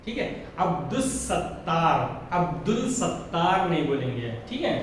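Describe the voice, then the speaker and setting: A man's voice: on the high side, very animated, a little slow, distant mic. A man with an Urdu-speaking Indian accent teaching a textbook lesson, patiently repeating words and spelling out letters. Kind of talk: slow textbook lesson explanation. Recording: very echoey room, voice from afar, faint background noise.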